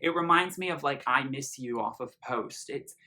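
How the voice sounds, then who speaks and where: With a medium-pitched, sharp voice at a moderate pace, a man delivers a casual, effusive album review. He speaks earnestly, leaning on emphasized words and reading lyrics aloud between his comments.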